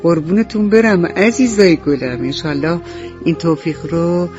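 A woman narrating a bedtime story for children on the radio, slow and affectionate. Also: fairly low pitch. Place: radio studio. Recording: dull lo-fi radio recording with soft music.

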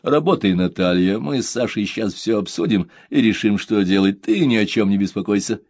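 A man voicing a calm, reassuring husband. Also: on the low side, a little fast, dry recording, clean studio sound.

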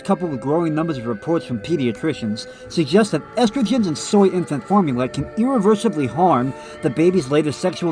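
This man co-hosts a casual podcast, reading a text aloud in a slightly nasal voice and breaking away for blunt remarks. His voice is a little high and a little mellow.

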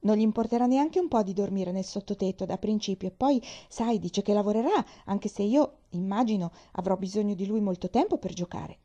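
A woman voicing a cheerful, chatty young girl who talks in excited bursts. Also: mid-range voice, fairly quick, few pauses, dull audio, lightly acted. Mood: triumphant. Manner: breathless, excited exclaiming.

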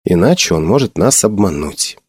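A man's voice: low-pitched, sing-song, normal speed, a little mellow, slightly rough, dry recording, studio quality, pitched below the performer's own voice, exaggerated voice. Man reading as a grim young commander, short clipped lines. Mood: hushed. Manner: terse, subdued.

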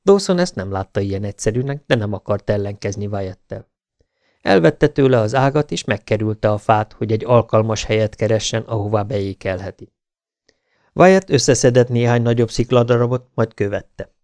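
A man reading an audiobook aloud with an even, dramatic storytelling manner. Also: lowish voice, no echo. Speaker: audiobook narrator. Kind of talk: scripted audiobook narration.

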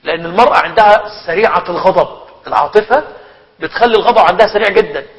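A middle-aged man with an Egyptian Arabic accent, an imam giving a religious lesson, animated and humorous, posing rhetorical questions and answering them himself. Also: high-pitched, very fast. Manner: humorous, laughs while telling anecdotes. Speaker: imam teaching a religious book. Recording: muffled recording in a reverberant hall.

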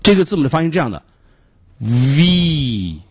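A middle-aged man with a Beijing Mandarin accent gives a radio pronunciation lesson, explaining slowly and repeating each sound he demonstrates. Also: fairly high pitch, big pitch swings, a little mellow, a little hiss or hum. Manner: frequent filler particles between phrases. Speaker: English pronunciation teacher.

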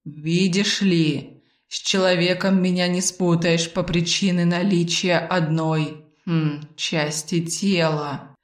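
A woman voicing a teasing, disembodied male sleeper spirit with a tail, speaking in a soft, sly, purring baritone for an audiobook. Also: steady tone, takes it slowly, recorded from a distance. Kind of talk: audiobook character voice. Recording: roomy echo.

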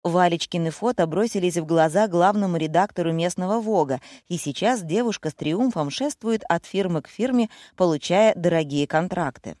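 A woman reading a comic detective novel aloud in the first person, with ironic, brisk storytelling. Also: lowish voice, a little mellow, dry recording, studio quality. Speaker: audiobook reader.

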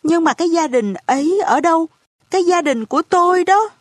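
A woman's voice: high-pitched, lively intonation, a little slow, dry recording, clean studio sound, voice pushed up. A woman voicing an anxious orphan boy who pleads urgently in a raised voice. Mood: pleading, anxious. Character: anxious orphan boy searching for his family.

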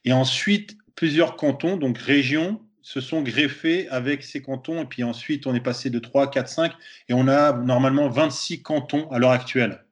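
A man's voice: medium pitch, moderate pace, hardly any pauses, highs cut off. A man from Switzerland with a Swiss French accent, a comedian guest chatting casually on a podcast, hesitant and repeating words often.

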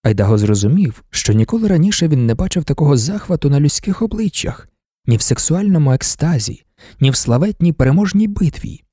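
A man reading a novel aloud as an audiobook narrator, in an expressive, dramatic manner. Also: on the high side, a little fast, dry recording, clean studio sound.

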